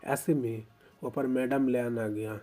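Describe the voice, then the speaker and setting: A man's voice: mid-range voice, steady tone, measured pace, dark tone. A man narrating a fan fiction story in a casual, plain way.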